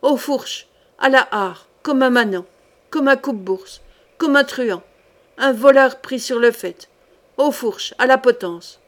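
A woman's voice: high-pitched, takes it slowly. A woman voicing a maddened medieval French king, agitated and commanding, in an audiobook. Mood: vengeful.

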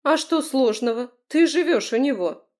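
A woman voicing a pushy, teasing young woman friend who talks loudly and indignantly. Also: on the high side, very animated, unhurried, voice pushed up.

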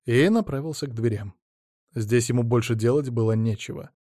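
A man reading audiobook narration in an even, measured way. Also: mid-range voice, dry recording, clean studio sound.

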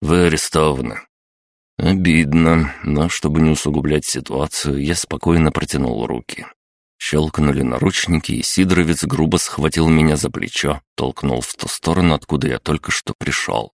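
A man narrating a fantasy audiobook in the first person, calm and measured with a wry edge. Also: extremely low pitch, no echo, studio quality.

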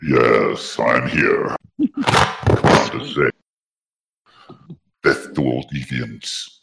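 A man talking through a vocal effects box set to a menacing robot voice, slow and mechanical. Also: rumbling low, steady tone, vocal fry, a bit bright, pitched below the performer's own voice, full character voice.

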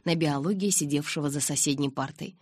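A woman narrating an audiobook in the first person with a steady, expressive reading. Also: low-pitched, brisk, dry recording.

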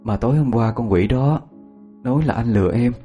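A man voicing a bewitched young woman, making cold, insistent demands in a husky voice. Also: mid-range voice, brisk, dark tone, soft background music, lightly acted. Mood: pleading, cold.

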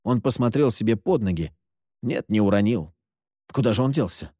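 A man reading a story aloud as its narrator, with expressive intonation. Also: lowish voice, moderate pace, dry recording, studio quality. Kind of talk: audiobook storytelling.

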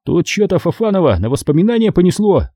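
A wisecracking army sergeant who jokes and exclaims, as a male narrator puts him on. His voice is lifted high above the narrator's, dark and husky underneath, and it leaps about. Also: very animated, fast talker, no echo, clean studio sound, exaggerated voice. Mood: wry banter.

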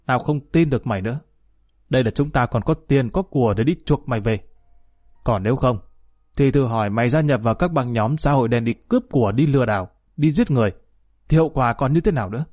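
A man's voice: mid-range voice, fast talker, a little mellow, no echo, studio quality, close to an everyday voice. A man reading aloud and voicing a stern, wealthy father who scolds and threatens coldly in a storybook reading. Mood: cold scolding.

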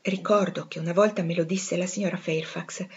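A woman's voice: on the low side, fairly even intonation, fairly quick, darkish tone, husky, highs cut off. A woman voicing a firm, principled young governess in an audiobook reading, restrained and earnest.

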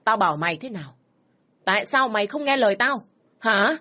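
A woman's voice: medium pitch, expressive, a little fast, highs cut off, pitched above the performer's own voice, lightly acted. Woman voicing a furious domineering old father. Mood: furious shouting. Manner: shouting, scolding harshly. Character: furious stern older village father, domineering.

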